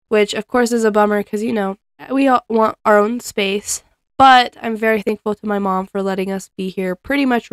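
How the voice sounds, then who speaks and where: A young cleaning vlogger chats while folding laundry in her living room, filmed by a fixed camera across the room. Her middle-pitched voice is clear and resonant, and she rambles in a friendly way, laughing often and saying "um" a lot. The recording is dry, with almost no room sound.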